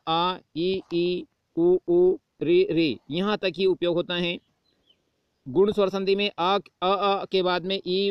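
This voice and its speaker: A man's voice: high-pitched, clear, resonant tone, no echo, dull audio. A male teacher giving a classroom grammar lesson, explaining step by step and answering his own questions.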